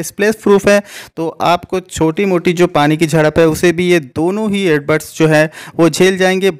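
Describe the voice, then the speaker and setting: A man giving a casual voice-over comparison of two gadgets, explaining each point plainly and calling viewers his friends. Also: high voice. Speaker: tech reviewer.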